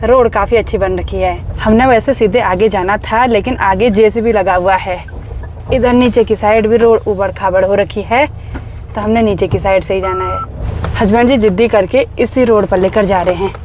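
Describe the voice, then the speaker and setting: A woman's voice: medium pitch, steady tone, moderate pace, darkish tone, slight background noise. A woman in her thirties vlogging casually, chatty and cheerful, laughing often as she walks and drives around. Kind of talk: casual vlog narration. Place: in a car and walking through a house.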